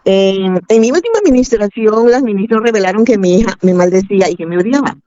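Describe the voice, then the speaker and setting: An older woman, calling in and telling a personal story, haltingly acting out both sides of past conversations. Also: mid-range voice, dark tone, no room sound, lo-fi sound. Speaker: caller asking for advice.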